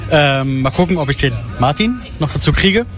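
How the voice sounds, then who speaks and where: Man with a slightly higher voice, keen tour guest. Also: animated, moderate pace, fairly bright tone, faint music behind. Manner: enthusiastic, hesitant fillers. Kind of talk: casual interview.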